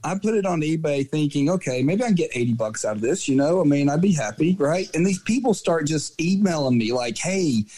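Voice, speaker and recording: A man's voice: a little high, lively intonation, brisk, hardly any pauses, dark tone. A man, a soccer coach, guesting on a casual podcast interview and telling rambling anecdotes full of fillers and self-corrections.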